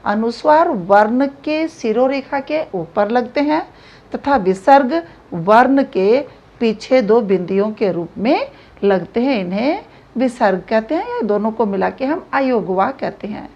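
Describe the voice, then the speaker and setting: Slow, gravelly-voiced woman teaching grammar. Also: fairly high pitch, lively intonation, a little mellow. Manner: slow, explanatory, repeats examples aloud. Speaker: Hindi teacher. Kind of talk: classroom grammar lesson. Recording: dull lo-fi recording.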